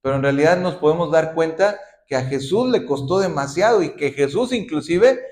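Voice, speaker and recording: Male pastor, sermon, somewhat high voice, echoey room, rhetorical questions, pleading prayers. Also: lively intonation, a little fast, a little mellow. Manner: preaches with rhetorical questions and impassioned acted-out prayers.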